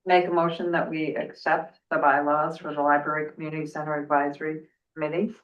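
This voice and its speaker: A woman on a town board making motions in a flat, matter-of-fact way. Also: deep voice, fairly quick. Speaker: selectboard member. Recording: distant, muffled, echoey.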